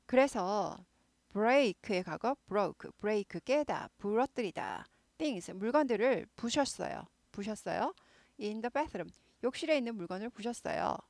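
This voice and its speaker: A woman teaching English to Korean learners, explaining a news story line by line. She repeats key words often and says English phrases slowly and carefully. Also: mid-range voice, expressive, darkish tone, no echo.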